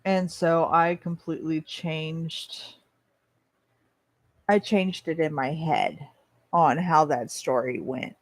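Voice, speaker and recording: This is a vlogger with a mid-pitched voice who rambles slowly and casually while chewing. The delivery is blunt and opinionated, with some swearing, in a close, dry sound. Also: no room sound.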